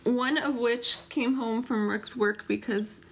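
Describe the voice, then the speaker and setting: A woman co-hosting a casual podcast, chatty and quick to laugh as she walks through her notes. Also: on the high side, a little hiss or hum. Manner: giggly, animated, laughs often. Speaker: podcast co-host. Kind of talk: casual chat.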